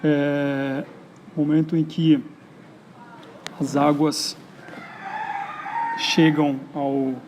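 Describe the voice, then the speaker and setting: A poet and writer from São Paulo, Brazil, speaking with a São Paulo Brazilian Portuguese accent, is interviewed casually outdoors in a park. He talks reflectively and haltingly, full of hesitations, in a fairly high voice with little pitch movement. Background noise is audible.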